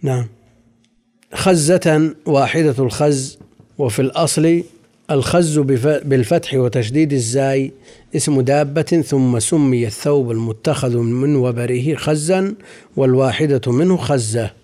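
A man explaining hadith in a slow scholarly lecture, measured and careful, lingering over word forms and quoting commentaries. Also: medium pitch, dark tone.

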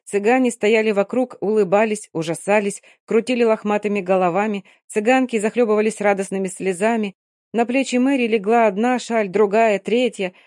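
Expressive audiobook narrator, dry sound. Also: mid-range voice, fairly quick, no echo. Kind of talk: scripted narration.

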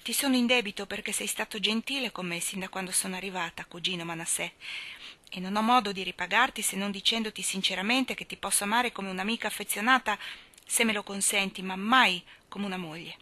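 A woman's voice: medium pitch, brisk, bright, forceful tone, lightly acted. A woman voicing a shy young woman who trembles and pleads as she refuses a suitor, read in an audiobook. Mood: gentle.

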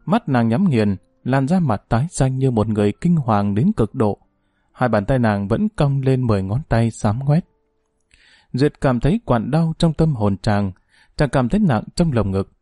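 A man narrating an audiobook story in a steady storytelling manner. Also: medium pitch, moderate pace, no echo, clean studio sound.

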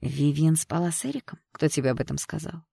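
Stubborn young journalist, low voice, cold and clipped, audiobook, dry close sound, read by a woman. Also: big pitch swings, a little fast, gravelly, warm tone, husky, no room sound, heavily acted. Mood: seething. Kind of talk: audiobook character voice.

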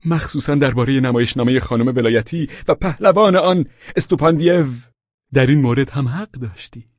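A man's voice: medium pitch, breathy edge, no room sound, lo-fi sound, voice pushed up. A man voicing a fawning, overwrought middle-aged widower in an audiobook, pleading in a raised, emotional voice. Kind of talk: audiobook character reading.

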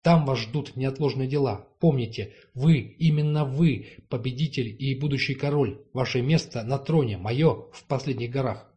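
A man's voice: medium pitch, normal speed, hardly any pauses, mellow, dull audio, close to an everyday voice. A man reading the lines of a proud, stubborn young woman in an audiobook, cold and formal. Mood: cool firm. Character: proud young woman who calls herself not human.

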